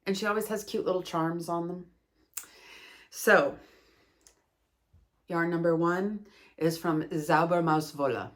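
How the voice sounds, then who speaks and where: A Canadian woman with a Canadian English accent casually chats while hosting a yarn review, rambling and laughing at herself. Her voice is somewhat low with fairly even intonation, and she speaks slowly with long pauses.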